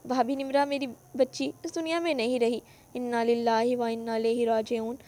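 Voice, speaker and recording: A woman's voice: a little high, steady tone, warm tone, lightly acted. A woman voicing a heartbroken elderly father who weeps over his daughter in a spoken novel. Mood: mournful. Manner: weeping, pleading.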